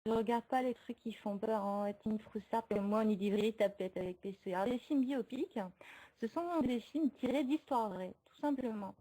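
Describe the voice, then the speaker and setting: A woman's voice: on the high side, moderate pace, warm tone, low-quality recording. A woman hosting a casual livestream about films, chatty and hesitant with many fillers, laughing often and answering viewer comments. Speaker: streamer hosting a movie chat.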